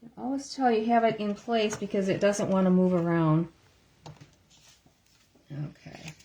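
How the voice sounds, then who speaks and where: A woman demonstrates card making at her craft table in a relaxed, chatty way. She talks herself through each step as she works. She is recorded through an iPad camera. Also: medium pitch, a little slow. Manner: chatty, thinks aloud while working. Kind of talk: casual craft tutorial. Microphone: iPad camera on a stand.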